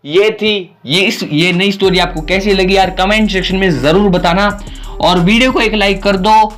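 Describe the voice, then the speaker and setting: A man narrates a cartoon story in a chatty, casual manner and talks straight to his viewers. His voice sits fairly high for a man. Faint music plays beneath him. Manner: chatty, addresses viewers directly.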